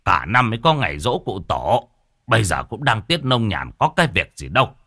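A man doing a gruff old village patriarch. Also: fairly low pitch, very animated, brisk, sharp tone, no room sound, studio quality, exaggerated voice. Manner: gruff, easygoing, cursing.

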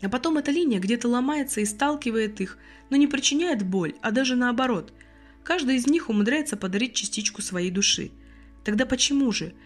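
Expressive female audiobook narrator. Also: on the high side, a little fast, soft background music. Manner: expressive, storytelling.

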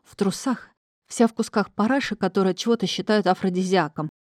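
A woman narrating a comic first-person audiobook in a lively, wry manner. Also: medium pitch, quick pace, no echo, clean studio sound.

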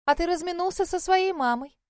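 A woman voicing a chatty, fussy middle-aged lady who talks high and effusively. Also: a little fast, a little mellow, no room sound, studio quality. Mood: gushing.

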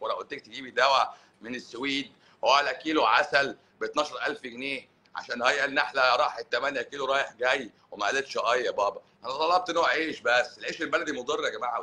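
Speaking at a medium pitch in a pushed, bright way, an Egyptian doctor reads comments from his live stream audience and mocks them playfully in reply. His accent is Egyptian Arabic, and a little hiss or hum runs under the audio.

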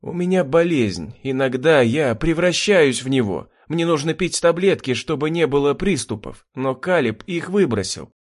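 A man's voice: on the high side, expressive, normal speed, few pauses, voice pushed up. A man voicing a tearful chubby engineer. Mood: pleading. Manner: sobbing, pleading. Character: big chubby male engineer, tearful, frightened.

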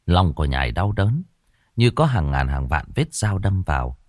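A man narrating an audiobook in a measured, expressive way. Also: low-pitched, dry recording, studio quality. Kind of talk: scripted narration.

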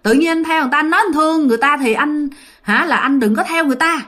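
A woman's voice: sits high, rapid-fire, a bit bright, voice pushed up. A woman voicing an older female fortune teller who talks firmly and coaxingly. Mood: pleading.

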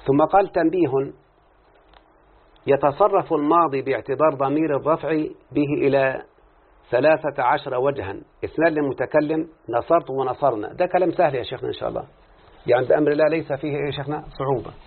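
A man's voice: on the high side, fast, breathy edge. A man with an Egyptian accent teaching a lesson as a sheikh, who keeps asking his students questions, answers them himself and switches between classical and colloquial speech. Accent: Egyptian Arabic. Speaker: sheikh teaching Arabic morphology. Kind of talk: recorded lesson. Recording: tinny phone-like lo-fi audio.

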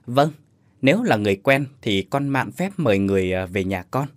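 A man's voice: mid-range voice, very animated, moderate pace, dry recording, natural voice. A polite, hesitant young husband, voiced by a male storyteller stammers respectfully to his elders. The sound is close and dry. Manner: stammering, deferential.

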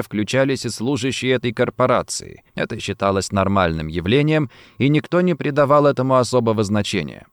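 A male audiobook narrator telling a thriller in scripted narration, his pitch moving in a lively, expressive way. The voice sits at a middle pitch. The recording is dry and close. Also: no echo.

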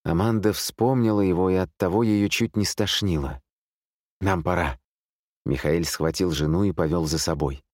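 A man narrating an audiobook thriller in a steady, suspenseful reading. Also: sits low, moderate pace, few pauses, no echo, clean studio sound. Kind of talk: scripted narration.

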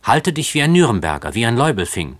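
A man's voice: medium pitch, big pitch swings, quick pace, voice pushed up. A man reading aloud voices a bold, proud young woman who speaks firmly and mockingly. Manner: firm, mocking.

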